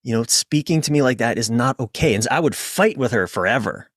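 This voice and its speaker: Speaking with lively intonation at a medium pitch, a podcast guest who works as a relationship coach relates personal stories informally and emphatically. He sometimes halts and swears casually, and the studio-quality recording has no echo.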